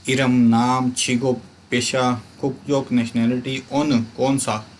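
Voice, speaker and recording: Man teaching a slow, repetitive lesson. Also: medium pitch, flat delivery, a little mellow, a little hiss or hum. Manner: explains slowly, repeats words aloud. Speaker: language teacher. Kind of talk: casual explanatory lesson.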